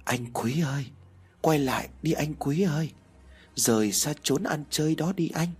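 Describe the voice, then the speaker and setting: A gentle young woman's ghost, put on by a male narrator, pleads in a soft, hushed voice. The voice is lifted higher and kept quiet, slightly husky, fitting an audio ghost story. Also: moderate pace. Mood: pleading softly.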